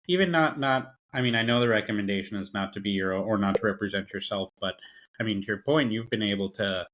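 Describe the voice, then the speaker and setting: Low-voiced male podcast host. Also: fairly bright tone. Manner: halting, restarts phrases while thinking. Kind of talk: casual interview.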